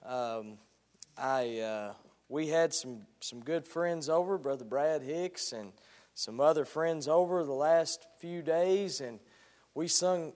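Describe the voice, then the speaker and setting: A man with a fairly high, slightly mellow yet hoarse voice gives a sermon as a guest preacher. He begins haltingly, then rises into a building preaching cadence while reading scripture.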